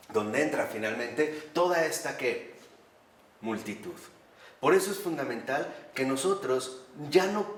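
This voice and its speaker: A man giving a spiritual lecture to a class, animated, asking rhetorical questions and answering them himself. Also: medium pitch. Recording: roomy echo from a distant mic.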